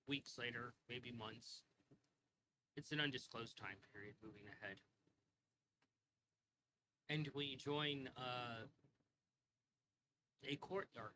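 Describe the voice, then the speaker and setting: A man narrating a tabletop game as game master, relaxed and rambling with frequent fillers. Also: mid-range voice, noisy background.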